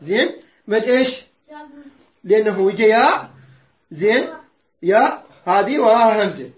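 Teaching Quran recitation rules patiently, a high-pitched, animated man asks his students question after question and chants verses slowly as he explains them. The sound is dull and lo-fi, recorded in an echoey room.

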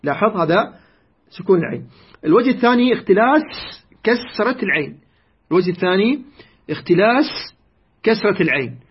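Male recitation teacher, patient lesson tone, lightly raspy, slightly muffled audio. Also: sits high, expressive. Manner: slow, deliberate, repeats key words. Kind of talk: explanatory lesson on recitation variants. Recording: dull lo-fi recording.

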